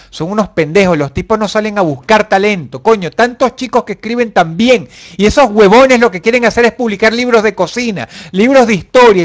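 A young man hosting a casual live stream, reading viewer comments and answering them with profane, mock-angry jokes. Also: high voice.

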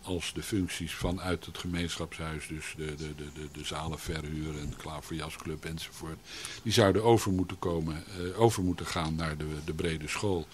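A man answering questions on a local radio show as a municipal official, speaking haltingly with many pauses and restarts. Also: rumbling low, steady tone, a little hiss or hum. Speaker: local alderman as radio guest.

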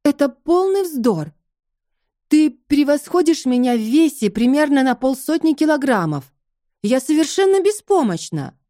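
Woman doing a feisty young heroine, higher voice that swings a lot, soft warm tone. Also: big pitch swings, measured pace, no room sound, clean studio sound. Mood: exasperated. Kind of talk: audiobook first-person dialogue.

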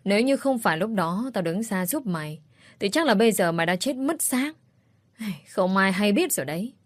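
A woman's voice: mid-range voice, lively intonation, normal speed, no echo, lightly acted. A woman voicing a brutal, drunken older father who sneers and bellows abuse. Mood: sneering. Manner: abusive, sneering, shouting.

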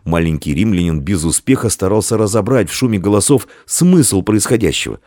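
A man narrating a children's story with expressive reading. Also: lowish voice, a little fast, no room sound, studio quality. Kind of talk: audiobook narration.

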